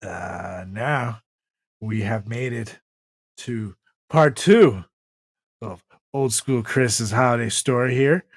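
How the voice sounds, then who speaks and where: A podcast host with a medium-pitched voice speaks slowly on his comedy podcast, shifting between casual banter and reading a comic story aloud. The room is echoey, with music playing behind him.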